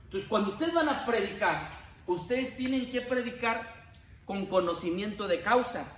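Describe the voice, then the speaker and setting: A man teaching a Bible class, lively and joking, often asking the class questions. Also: high-pitched, moderate pace. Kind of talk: classroom lecture. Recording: echoey classroom, faint room noise.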